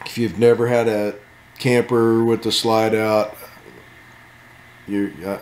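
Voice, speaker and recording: A man's voice: lowish voice, little pitch movement, slow, darkish tone, reverberant. A man casually walking through a camper as an RV channel host, joking and laid-back in his asides. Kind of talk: casual walkthrough commentary. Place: inside a camper at an RV show.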